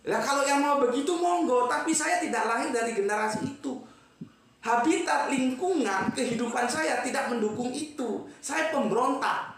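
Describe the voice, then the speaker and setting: A man's voice: very high voice, normal speed. A blunt man in his fifties from Sumatra speaks to a discussion group, emphatic and outspoken. His voice rings through a very echoey room. There is a faint hiss behind it. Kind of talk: impassioned speech to a study group.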